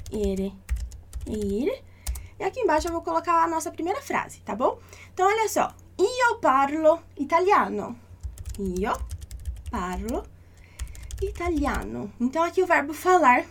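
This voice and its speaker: A woman teaching an online language lesson, patiently reassuring and repeating each example slowly. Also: very high voice, sing-song.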